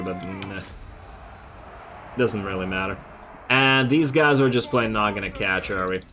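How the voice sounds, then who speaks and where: A man's voice: mid-range voice, a bit bright, a little hiss or hum. Casual male gamer thinking aloud. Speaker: gamer, host of a let's play series. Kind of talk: casual strategy game commentary. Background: game music.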